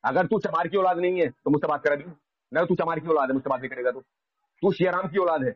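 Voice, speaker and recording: A man's voice: fairly high pitch, quick pace, breathy edge. A man in a heated religious debate, aggressively repeating his demands and hurling insults. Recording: dull lo-fi audio with crowd noise.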